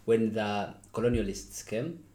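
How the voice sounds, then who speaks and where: A man's voice: fairly low pitch, a little slow, mellow, roomy sound. A man from Western Uganda with a Ugandan accent, a guest chatting casually and hesitantly with many fillers. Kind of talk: casual conversation.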